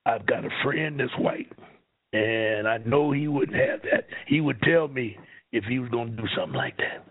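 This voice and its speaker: A man hosting a call-in radio talk show, fiery and preachy, swinging between shouting and low asides. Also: moderate pace. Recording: tinny phone-line radio sound.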